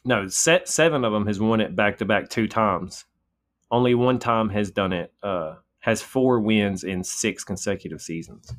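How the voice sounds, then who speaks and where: A man's voice: fairly low pitch, moderate pace. A man co-hosting a podcast in casual, sweary chat full of bro slang. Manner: slangy, bro-heavy talk. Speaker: podcast co-host.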